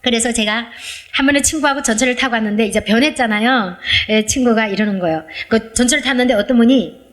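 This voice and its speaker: A woman pastor delivers a heartfelt testimony sermon. Her voice sits fairly high, and she tells her story earnestly and with feeling, her pitch rising and falling as she speaks. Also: quick pace.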